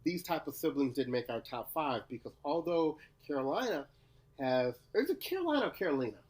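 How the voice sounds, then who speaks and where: A man's voice: fairly high pitch, animated, normal speed, a little mellow. A man from Louisiana, co-hosting a casual podcast chat in a playful, teasing way. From Louisiana, USA. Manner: laid-back, playful, teasing. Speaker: podcast co-host.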